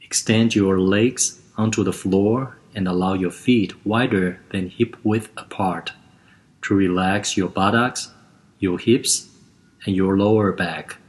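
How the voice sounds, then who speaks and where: A deep-voiced man takes it slowly as he guides a lying-down breathing and relaxation exercise, offering gentle, step-by-step directions in a steady, calm way.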